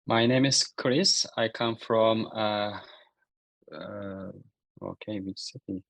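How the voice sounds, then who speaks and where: A man taking part in an online workshop, hesitant and searching for words, filling gaps with many pauses. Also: lowish voice, fairly bright tone, no echo, poor audio. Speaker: workshop participant. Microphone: video call.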